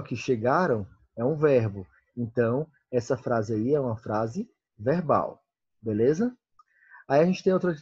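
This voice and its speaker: Brazilian guy teaching grammar, dark husky voice, dull sound. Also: medium pitch, no room sound. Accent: Brazilian Portuguese. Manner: checks in constantly, reads comic lines aloud. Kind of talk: grammar lesson.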